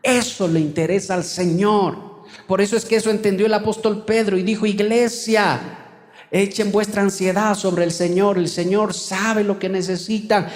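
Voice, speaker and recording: High-pitched guy pastor preaching, calls out to the church, echoey hall with long reverb. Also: a little mellow. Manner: preaching with rising, calling out to the congregation. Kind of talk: sermon.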